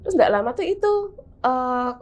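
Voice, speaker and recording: A woman with a Javanese accent, a guest telling her own horror experience in casual chat, animated and vivid with lots of fillers. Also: sits high, normal speed. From Semarang, Central Java, Indonesia.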